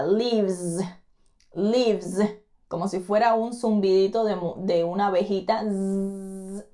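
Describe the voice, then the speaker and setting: In a mellow, mid-range voice, a woman coaches a student on English pronunciation online. She models every word by repeating it slowly and patiently, talking straight to the student and prompting repetition.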